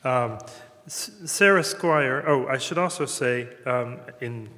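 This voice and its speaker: A man with a Southern American accent giving a formal introduction at a campus lecture, halting often with fillers and restarts. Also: medium pitch, sharp tone. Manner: hesitant, many fillers and restarts. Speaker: host introducing a speaker. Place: university lecture room. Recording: reverberant lecture hall.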